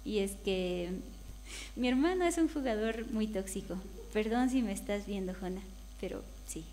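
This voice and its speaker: A woman speaks candidly in a panel discussion, even in pitch, conversational, now and then lively as she quotes others. A faint hum sits under her voice. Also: moderate pace. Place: event hall.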